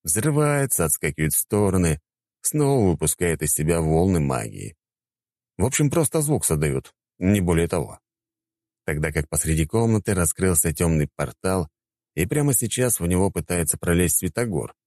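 A man narrates an audiobook in a wry, conversational way, in a low and mellow voice. The recording is close and dry, with no room sound. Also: very animated, moderate pace, no room sound.

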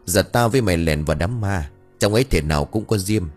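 Guy doing a cocky little schemer boy, boastful, low husky. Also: animated, quick pace, soft background music. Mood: scheming. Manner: boastful, conspiratorial.

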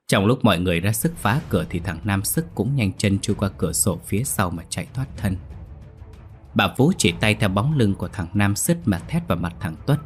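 A male storyteller with a low voice reads a grim horror tale, his delivery lively and full of swings. Soft music plays quietly underneath throughout. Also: brisk, breathy edge. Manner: expressive, vivid storytelling. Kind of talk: dramatic horror story narration. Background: soft background music.

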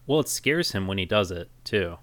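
Low-voiced man trading opinions. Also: animated, moderate pace, fairly bright tone, no echo. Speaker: podcast co-host. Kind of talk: casual movie-review chat.

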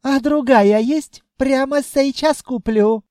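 A man's voice: very high-pitched, slow, a little mellow, no room sound, studio quality, voice pushed up. A man voicing a greedy, pushy blue-skinned male genie with a Caucasian accent and broken, exclamatory speech. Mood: pushy, wheedling.

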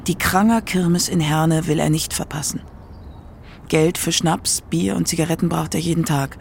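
A man's slightly high voice, marked by heavy gravelly fry, narrates a scripted radio documentary at normal speed with fairly even intonation. There is faint noise in the background.

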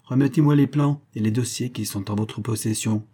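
A man's voice: mid-range voice, normal speed, dark tone, slightly rough, close to an everyday voice. A man doing a cold, commanding billionaire. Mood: icy, commanding. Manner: curt and authoritative.

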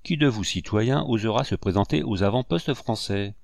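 A man's voice: lowish voice, creaky, darkish tone, dry recording, clean studio sound. A man reading as a proud bitter commander. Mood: bitter, curt. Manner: solemn, measured oratory. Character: proud, bitter male rebel commander, adult.

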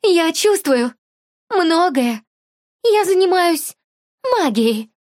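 A woman's voice: very high-pitched, expressive, extremely slow, a little mellow, no room sound, studio quality, voice pushed up, heavily acted. A woman voicing a young woman who dabbles in magic, speaking in an urgent, pressing way in an audiobook. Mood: menacing. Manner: urgent, pressing, growing menacing. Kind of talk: audiobook character voice.

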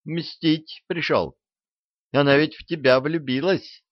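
A male narrator voicing a sly, quick-witted swindler who talks in a wry, needling way, in a dull, dry recording. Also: on the high side, fairly even intonation, no room sound, voice pushed up. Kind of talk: audiobook character voice.

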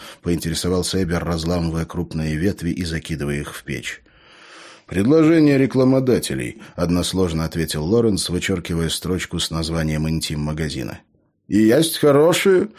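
Low-voiced male audiobook narrator. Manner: expressive storytelling. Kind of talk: scripted narration.

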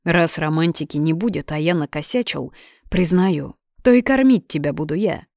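Audiobook figure: woman doing a brash young man who teases and bosses, lowish voice, dry close sound. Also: animated, moderate pace, darkish tone, no echo. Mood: teasing. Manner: teasing, bossy. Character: cocky teasing young male student.

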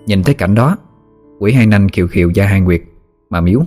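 Một người đàn ông miền Nam đọc truyện ma dân gian, giọng trầm vừa, gần gũi. Âm nền là tiếng nhạc khẽ. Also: male voice, on the low side, brisk, dark tone, soft background music. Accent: Southern Vietnamese. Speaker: storyteller. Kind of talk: audiobook narration.

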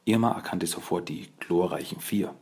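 A man reading a children's audiobook as narrator, in measured storytelling. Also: sits low, a little mellow, slightly rough.

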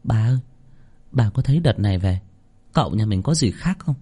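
A man voicing a young housemaid girl who gossips in hushed tones, in a read-aloud story. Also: on the low side, expressive, brisk, slightly rough. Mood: curious.

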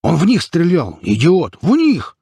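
A man voicing a furious thuggish man who yells insults and threats in a shrill voice. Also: wildly swooping pitch, unhurried, gravelly, slightly rough, no echo, clean studio sound, heavily acted.

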